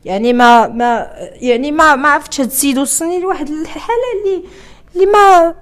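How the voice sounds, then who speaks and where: Speaking fast in a voice that sits high, a young Moroccan-accented woman is interviewed about her personal experience. The emotion shows: she sounds distressed, circling back over the same words and beginning her sentences again.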